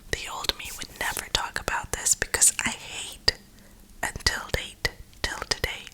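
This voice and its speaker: The recording is rough, but you can hear a female gamer and ASMR maker whispering breathily close to the mic. She muses earnestly and tries to uplift the listener.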